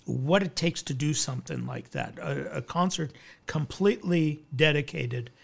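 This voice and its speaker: A man's voice: fairly high pitch, lively intonation, moderate pace, gravelly. A man hosting an interview, asking courteous questions with some fillers and repeated words. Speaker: radio show host, interviewer.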